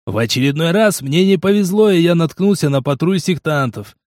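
A man reading the part of a gruff, sarcastic male mercenary partner in an audiobook. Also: on the high side, animated, brisk, a little mellow, no room sound, studio quality, pitched above the performer's own voice, natural voice.

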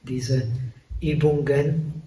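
A Buddhist monk gives a dharma talk in a roomy hall, picked up by a microphone set some distance away. His mellow voice stays flat and unhurried. He speaks halting, non-native German full of pauses and fillers. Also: mid-range voice. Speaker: Buddhist monk teaching meditation. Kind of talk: dharma talk at a meditation retreat. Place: retreat meditation hall. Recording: echoey room, voice from a distant mic.

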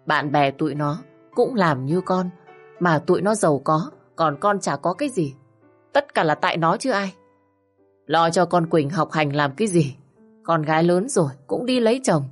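Woman doing a drunk, belligerent husband. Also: fairly low pitch. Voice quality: slurred, husky with drink. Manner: shouting, belligerent. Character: drunk angry middle-aged husband.

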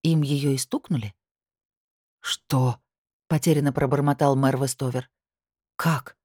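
A woman's voice: rumbling low, steady tone, fairly quick, warm tone, no echo, studio quality. A woman narrating an audiobook in the first person, telling the story expressively.

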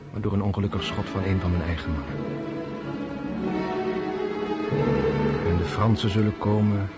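An actor playing a melancholy prince and officer, speaking a grave, deliberate, introspective monologue in a radio drama. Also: male voice, lowish voice, close to an everyday voice. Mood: fearful, resigned. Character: melancholy Russian prince and officer brooding before battle. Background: orchestral string music.

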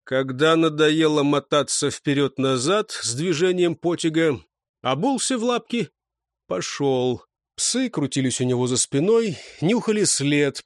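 A man reading a novel aloud as an audiobook narrator, in measured storytelling that acts out the dialogue. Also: a little high, no room sound, studio quality. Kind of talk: scripted narration.

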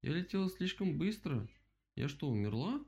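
A man's voice: fairly high pitch, very animated, moderate pace, vocal fry, darkish tone, slightly rough, pitched above the performer's own voice, full character voice. A man voicing a confused, polite female owl who has just woken up. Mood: puzzled. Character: bewildered sleepy female owl.

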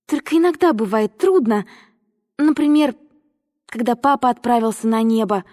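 A woman's voice: fairly high pitch, lively intonation, moderate pace, darkish tone, natural voice. A woman voicing a cheerful, eager little girl who talks with bubbly, breathless enthusiasm. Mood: earnest. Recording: long reverb.

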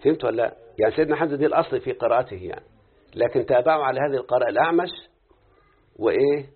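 Fast-talking Egyptian man teaching grammar. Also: medium pitch, breathy edge. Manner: quick explaining, checking understanding with questions. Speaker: teacher of Quranic readings and grammar. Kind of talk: live lesson with a student. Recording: tinny phone-like lo-fi recording.

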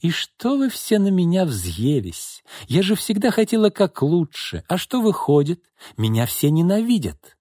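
A man's voice: high-pitched, very animated, unhurried, warm tone, no room sound, clean studio sound, voice pushed up, exaggerated voice. A man voicing a spiteful, drunken wealthy woman who speaks with cold contempt. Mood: self-pitying.

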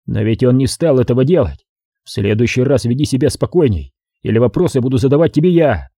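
A man's voice: mid-range voice, animated, fast talker, warm tone, no room sound. A man reading an audiobook voices a tough, curt male getaway driver in close to his own voice. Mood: stern. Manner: curt, gruff.

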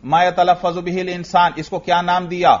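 A man's voice: high voice, little pitch movement, lo-fi sound. A man teaching a lecture class, explaining step by step and asking himself questions before answering them. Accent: Urdu. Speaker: teacher of Arabic grammar.

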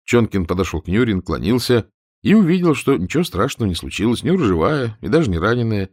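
Expressive, ironic male audiobook narrator. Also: lowish voice, fast talker, no room sound, clean studio sound. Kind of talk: scripted narration of humorous prose.

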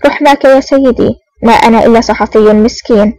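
A cool, sardonic spy hero, mocking and sure of himself, as a woman narrator reads him. The lines come fast and a touch high. The sound is dry and close, storybook-style. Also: fairly even intonation, dark tone, no room sound, close to an everyday voice, low-quality recording. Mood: pleading. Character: cool, sardonic male intelligence officer in disguise.

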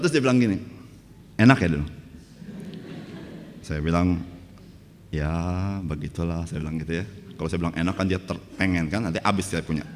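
Man, pastor, joking sermon storytelling, animated pitch, long church reverb, faint hiss. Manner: jokey, keeps asking the congregation "right, brothers and sisters?"; grows louder and more fervent in preaching. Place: church hall. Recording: church hall reverb, faint background noise.

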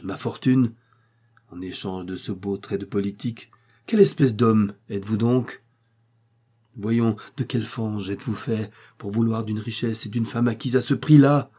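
A man's voice: fairly low pitch, dark tone, husky. A man reading the lines of a proud young heiress who vehemently accuses a man, with scornful fervor.

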